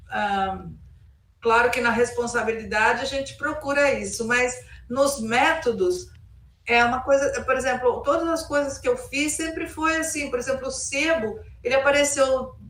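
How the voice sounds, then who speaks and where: A woman's voice: on the high side, a bit bright. A middle-aged woman, telling stories informally as an interview guest in a rambling way, often quoting casual remarks. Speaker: interview guest, cultural producer. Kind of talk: informal spoken recollection. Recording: roomy echo, distant microphone.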